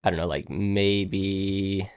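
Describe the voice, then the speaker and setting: A man's voice: low-pitched, steady tone, slow, slight background noise. A man live-streaming his coding work, thinking aloud in a rambling, casual way and muttering to himself as he goes. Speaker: live-streaming web developer.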